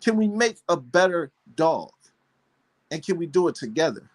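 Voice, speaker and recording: A man with a somewhat high voice hosts a live panel show in a casual, fervent style. He sounds preachy and keeps asking rhetorical questions. He repeats his phrases over and over. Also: sing-song, moderate pace. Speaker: dog breeder hosting a live panel show. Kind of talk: casual passionate monologue.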